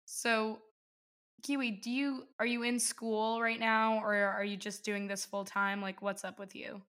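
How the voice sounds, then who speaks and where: A woman's voice: mid-range voice, level tone, measured pace, a bit bright. A woman hosting a casual interview, speaking informally and addressing both guest and listeners. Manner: informal, complimentary. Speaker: podcast host.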